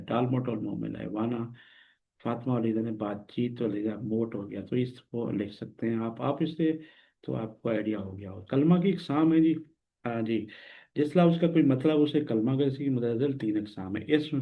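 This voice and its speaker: A man from Pakistan gives a recorded grammar lesson. He talks at a mid pitch, in a patient manner, and goes over each word slowly and repeats it. The sound is thin and narrow, like a phone line. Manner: patient, explains step by step and repeats words slowly. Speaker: teacher. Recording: tinny phone-like audio.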